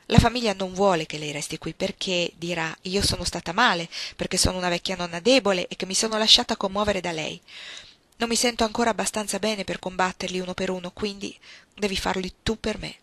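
A woman's voice: mid-range voice, brisk, fairly bright tone, dry recording, close to an everyday voice. A woman voicing a shrewd, imperious old grandmother who is bedridden, speaking in an insistent, sly and coaxing way in an audiobook. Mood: confiding.

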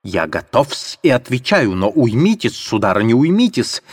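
A man voicing a fussy, evasive gentleman in an audiobook, mumbling and stammering in prim, hesitant phrases. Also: mid-range voice, sing-song, moderate pace, slightly rough. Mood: flustered. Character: fussy, evasive middle-aged gentleman, muttering. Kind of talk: audiobook character voice.

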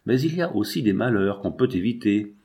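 A man's voice: lowish voice, animated, a little fast, darkish tone. A man reading the lines of an earnest fifteen-year-old girl who pleads and argues in grief, in a storybook reading. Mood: pleading.

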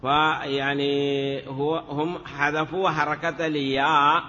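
A man's voice: fairly high pitch, flat delivery, slow pace, sharp tone, slight background noise. A male teacher giving a grammar lesson, chanting word forms in a sing-song drill and often saying "yes" between steps. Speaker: teacher of Arabic morphology. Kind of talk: classroom lecture. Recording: dull lo-fi recording with long reverb.

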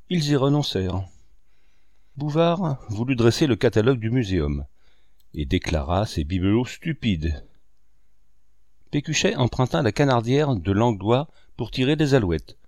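A man narrating a classic novel as an audiobook, in a measured, expressive reading. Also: on the low side, dry recording, clean studio sound. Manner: measured, expressive reading with wide rises and falls.

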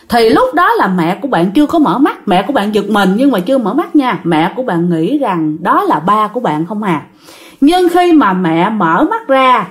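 A woman with a Southern Vietnamese accent telling a ghost story in a casual way, talking straight to her listeners. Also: a little high. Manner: animated, addresses listeners directly.

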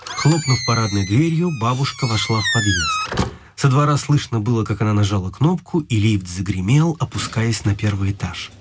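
A man narrating a children's story in an even, storytelling manner. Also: on the low side, moderate pace, very noisy. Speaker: audiobook narrator. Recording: guitar music behind.

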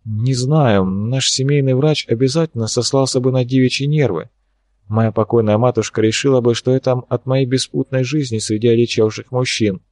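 A man's voice: mid-range voice, fairly even intonation, normal speed, a little mellow, no echo, lightly acted. A man reading an audiobook, voicing a wry, worried young woman scientist in a lightly raised voice with a musing, ironic manner.

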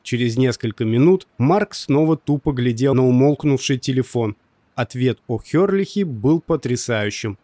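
Sex: man. Role: narrator. Style: audiobook narration. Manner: steady, measured. Pitch: middle. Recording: dry, close. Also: no echo.

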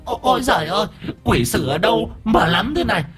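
A man voicing a shrieking old female spirit that has possessed an old woman, shrill and pleading. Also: expressive, quick pace, a bit bright, slightly rough, faint music behind, full character voice. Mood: begging.

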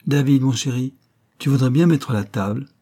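A man voicing a gentle but firm wife and foster mother in an audiobook, pitched a little higher. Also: normal speed, lightly acted. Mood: tender firm.

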